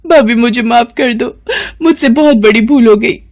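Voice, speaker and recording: A woman voicing a nosy young sister-in-law in a cartoon story, with a high, excitable, whiny delivery. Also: moderate pace, lightly acted. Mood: tearful.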